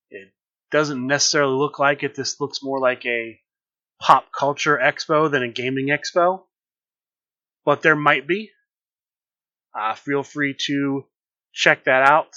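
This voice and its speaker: A man with a bright, forceful voice hosts a solo podcast news roundup. He reports plainly and admits when he is unsure. The recording is dull and lo-fi, like a home setup. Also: mid-range voice, steady tone, a little slow, pauses often. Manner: plain, matter-of-fact reporting with small hedges. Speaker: podcast host.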